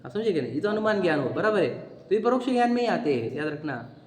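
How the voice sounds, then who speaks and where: A man's voice: sits high, very animated, quick pace, a little mellow. A man teaching a philosophy class, quizzing students and asking again and again whether they understood. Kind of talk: interactive religious philosophy class. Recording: echoey hall.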